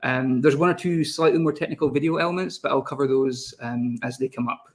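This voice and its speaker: Here a young man with a Scottish accent runs a live online webinar at a quick clip, chatting with viewers as he goes. He heads a video team, and his pitch is mid-range.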